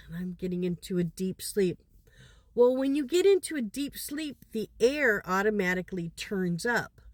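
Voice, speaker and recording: Brief: older grandma, high voice, unhurried, keeps breaking into giggles, dry close sound. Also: female voice, no room sound. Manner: giggly, laughs through her story. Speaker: grandmother vlogger. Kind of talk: casual storytelling.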